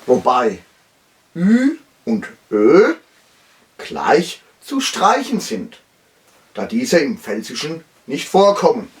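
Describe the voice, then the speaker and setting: A man's voice: medium pitch, huge pitch swings, slow pace. A man with a Palatine German accent giving a mock-formal comic dialect lesson, pompous and lecturing with dialect asides.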